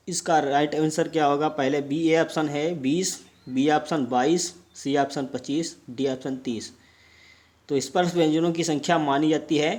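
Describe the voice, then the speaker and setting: A man's voice: on the high side, a little mellow. A man teaching Sanskrit exam practice, reading out each question and option and then explaining the answer.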